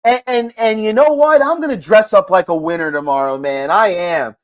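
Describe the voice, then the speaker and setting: A middle-aged man hosting a sports podcast, talking in an excitable, rambling way with big swings in pitch and loudness. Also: normal speed. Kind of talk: casual sports commentary.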